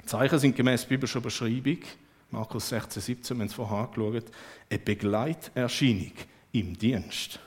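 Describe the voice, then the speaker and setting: A man preaching a sermon, lively and emphatic, with sudden swings in loudness. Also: medium pitch, moderate pace.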